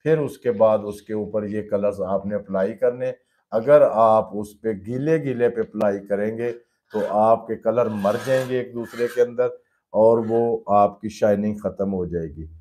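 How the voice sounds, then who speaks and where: A man's voice: fairly low pitch, a little slow, warm tone. A man teaching a live painting class, patiently explaining each step in plain everyday words and calling students "beta". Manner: addresses students fatherly as "beta". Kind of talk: live painting demonstration lesson.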